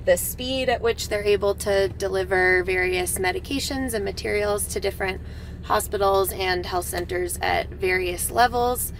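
A young woman talks fluently with a lot of vocal fry. She sits inside a parked vehicle. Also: medium pitch, normal speed, slight background noise, low-quality recording. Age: young adult. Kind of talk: interview.

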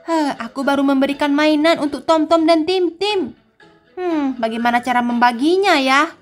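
Female let's-play host, high-pitched and motherly, chatting to her audience. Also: normal speed, faint music behind. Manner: motherly, addresses viewers. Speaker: gaming channel host.

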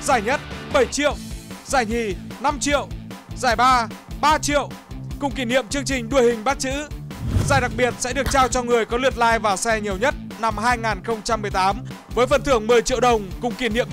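Male announcer, very high voice, scripted promo read over clear music. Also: fairly even intonation, fairly quick.

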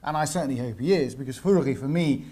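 A male lecturer speaks to a university seminar audience. His voice is mellow and dark-toned, sitting at an ordinary middle pitch. He often stalls on repeated words and fillers before he lands on the phrasing he wants. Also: quick pace. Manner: hesitant, repeats words while searching for phrasing. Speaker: visiting lecturer.

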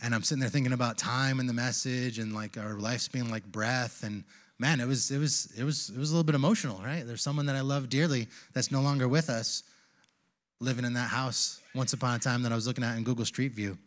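A man in his forties, a pastor preaching a sermon on a large church stage into a handheld mic, telling a story in a relaxed, conversational way that turns hushed and reflective. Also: medium pitch, fast talker. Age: 40s.

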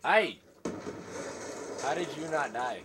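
A man chatting and trash-talking excitedly while playing a shooter game with a friend, yelling at every kill and death. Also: fairly high pitch, slow. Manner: excitable, yells and trash-talks during play. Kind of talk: casual gaming chatter. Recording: noisy game sound behind the voice.

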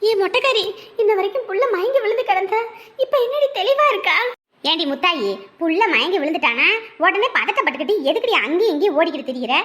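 A woman's voice: very high-pitched, lively intonation, fast, a bit bright. A brash, mocking old village woman. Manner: brash, mocking, then overjoyed. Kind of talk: cartoon voice acting.

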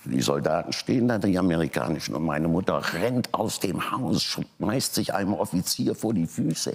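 Older man with a very deep gravelly voice. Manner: animated retelling, voicing quoted people. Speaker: talk show guest. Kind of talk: personal storytelling.

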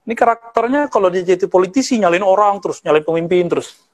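A man's voice: high-pitched, expressive, quick pace. A man in his thirties from West Sumatra, an Islamic preacher giving a conversational study lecture with Arabic terms and teasing asides. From West Sumatra, Indonesia. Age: 30s.

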